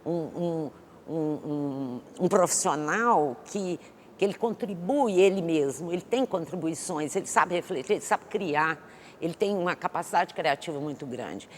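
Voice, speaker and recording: A woman guest expert in an interview, answering thoughtfully with many pauses and restarts. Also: low-pitched, expressive. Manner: hesitant, many fillers and restarts. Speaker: economist guest. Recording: long hall reverb with faint noise.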